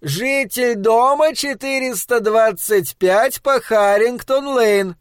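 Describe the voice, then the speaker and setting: A man reading a storybook aloud, voicing a jolly, plump, rosy-cheeked male shopkeeper with a loud, drawn-out, theatrical delivery. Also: very high voice, no echo, studio quality, voice pushed up.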